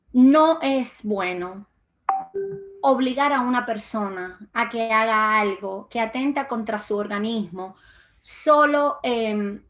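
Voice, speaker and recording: This is a young woman from Cuba, speaking as an interview guest in a political talk. Her voice sits a little high for a woman. She talks hesitantly, with frequent fillers and repeated words as she works out her points. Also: fairly bright tone. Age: young adult. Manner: hesitant, many fillers and restarts. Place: lives in Florida.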